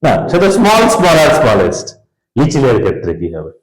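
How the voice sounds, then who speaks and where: A man's voice: medium pitch, wildly swooping pitch, a little fast. A male teacher, quizzing his students through a grammar lesson and drilling spellings aloud. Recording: roomy echo.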